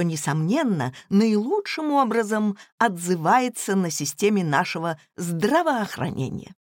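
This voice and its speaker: A woman reading the lines of a prim, composed governess in a storybook, calm and precise. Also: mid-range voice, dry recording, studio quality, natural voice. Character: prim, cool-headed female governess.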